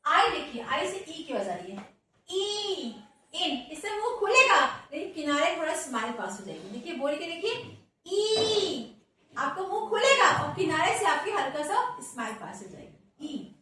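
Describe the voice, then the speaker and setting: High, lively woman teaching in an echoey room. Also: far from the mic, slight background noise. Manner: repeats words slowly, quizzes listeners with questions. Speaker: English teacher. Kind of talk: classroom-style grammar lesson.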